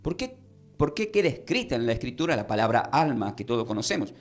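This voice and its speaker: A man's voice: mid-range voice, very animated, fast, soft background music. A man preaching a Bible-study sermon, explaining verses and having his listeners repeat his phrases. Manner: teaching, asking the congregation to repeat phrases. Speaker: pastor.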